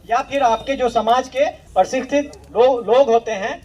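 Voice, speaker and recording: A man with a very high voice explains official procedure in a plain, instructive way, going back over his key points. He sounds set back from the microphone, a little distant. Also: moderate pace, a little mellow. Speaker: land revenue official explaining survey rules. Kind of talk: explanatory talk to villagers.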